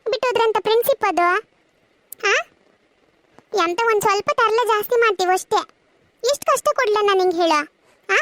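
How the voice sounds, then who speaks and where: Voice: very high voice, fairly bright tone, a little hiss or hum. Gunda, a performer's chatty cartoon schoolboy. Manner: chatty, coaxing, keeps asking questions. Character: Gunda, lively teasing schoolboy friend. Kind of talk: cartoon voice acting.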